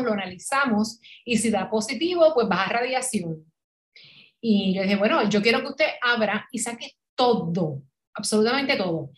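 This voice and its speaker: A middle-aged woman with a Puerto Rican Spanish accent tells her story to a podcast host in relaxed conversation. Her voice sits a little high, and she is animated, acting out quoted dialogue and laughing easily. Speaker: podcast guest. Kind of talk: casual interview conversation.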